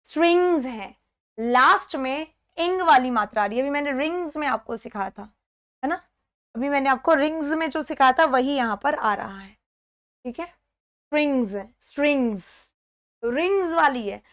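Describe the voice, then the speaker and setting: High-voiced woman teaching pronunciation. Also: lively intonation, fairly bright tone. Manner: explains step by step, often checks in with "theek hai"; repeats words slowly to model pronunciation. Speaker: English exam teacher. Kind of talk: live online exam-prep lesson.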